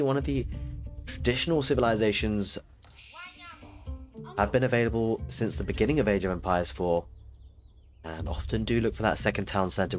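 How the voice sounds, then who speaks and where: An esports caster with a lowish voice gives steady play-by-play on a strategy game match. He explains moves as they happen, using frequent fillers.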